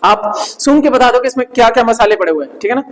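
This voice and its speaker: In a classroom with a projector, a man with a strikingly high voice drills vocabulary aloud at a fast clip, repeating each word several times. His intonation is lively, and he tacks "right?" onto nearly every phrase. The echoey room gives the recording a long reverb.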